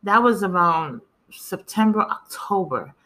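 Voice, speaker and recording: A middle-aged woman from the Bronx with a New York and Spanish-tinged accent, co-hosting a casual chat and telling stories in an animated way. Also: medium pitch, a little slow. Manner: animated storytelling with lively asides. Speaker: podcast co-host.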